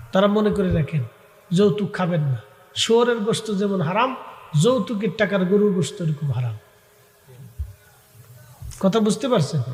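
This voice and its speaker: A man preaching a waz sermon in a sing-song chanting delivery, calling on the crowd to answer and breaking into shouted high passages. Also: echoey room, big-room sound.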